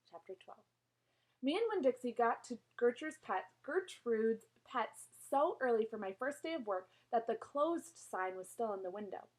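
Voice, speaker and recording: A woman reading a children's novel aloud in an expressive, animated storytelling manner, with small slips and corrections. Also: on the high side, low-quality recording. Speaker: reader.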